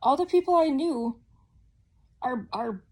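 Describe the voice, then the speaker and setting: A woman's voice: high voice, lively intonation, unhurried, darkish tone. A woman talking candidly in a casual personal vlog, rambling with frequent ums. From Georgia, US. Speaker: vlogger.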